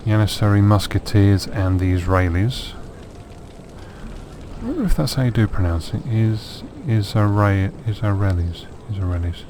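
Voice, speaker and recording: A man's voice: lowish voice, lively intonation, normal speed, few pauses, noisy background. A man with a sore throat giving dry, wry let's play commentary on a strategy game. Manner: dry, wry self-mocking asides. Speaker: gameplay commentator.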